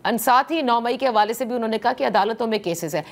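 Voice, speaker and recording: Woman hosting a political talk show. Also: a little high. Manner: measured questioning with frequent hesitations.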